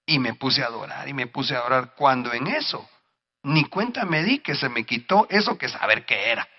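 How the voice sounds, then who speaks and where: A male pastor preaching a sermon, speaking directly to the congregation and rising to shouts at his peaks. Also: medium pitch, animated, normal speed, muffled recording.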